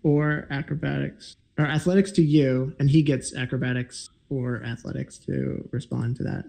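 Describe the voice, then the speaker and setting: A man with a gravelly, mellow voice runs a tabletop game as its game master. He talks in a relaxed, meandering way, full of ums and restarts. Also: medium pitch, normal speed. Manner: relaxed, rambling with frequent fillers.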